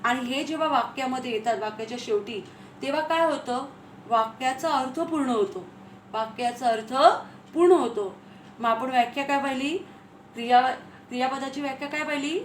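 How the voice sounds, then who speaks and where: A woman teacher giving a grammar lesson, repeating key phrases slowly and asking her pupils questions. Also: high voice. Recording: echoey room, faint ambient noise.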